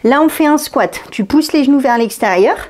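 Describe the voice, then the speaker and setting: A woman's voice: sits high, animated, moderate pace, a little mellow. A woman fitness coach with a slight accent, talking the viewer through a workout in an upbeat, directive way. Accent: slight foreign accent. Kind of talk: workout instruction.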